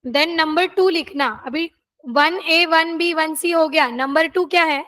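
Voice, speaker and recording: A woman's voice: extremely high pitch, a little slow, fairly bright tone. A woman law teacher, dictating notes in a classroom and checking that students have written them down.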